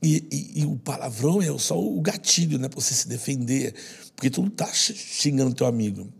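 A man's voice: mid-range voice, animated, a little fast, vocal fry, slightly rough. A man with a Brazilian Portuguese accent, a guest in an interview telling personal stories in an earnest, slangy way. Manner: earnest, slangy, repeats for stress. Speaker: guest who works with children. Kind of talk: emotional interview storytelling.

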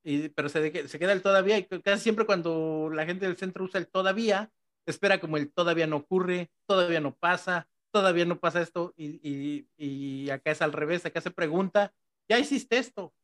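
High-voiced man with a Mexico City accent. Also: a little fast. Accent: Mexico City Spanish. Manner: animated, acts out quoted dialogue. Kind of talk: casual conversation.

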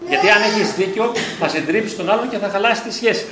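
A man's voice: high voice, lively intonation, noisy background. A male psychologist giving a reflective lecture at a parent event in a school hall, often asking rhetorical questions. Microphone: distant from the mic. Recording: echoey hall from far off.

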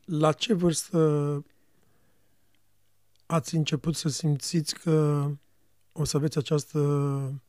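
A man interviewing a priest, asking slow, measured questions. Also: fairly high pitch, flat delivery, darkish tone, no echo, studio quality.

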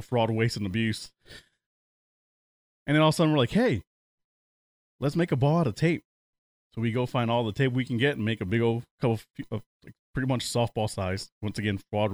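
A man hosting a radio morning show in a studio, telling stories in a relaxed, rambling way. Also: medium pitch, no room sound. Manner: relaxed, rambling anecdotal delivery with laughs. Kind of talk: casual radio chat and storytelling.

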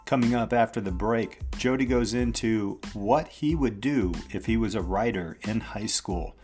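A male podcast host with a lowish voice reads a short teaser going into a break, steady and announcer-like. Soft music plays faintly under him. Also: normal speed.

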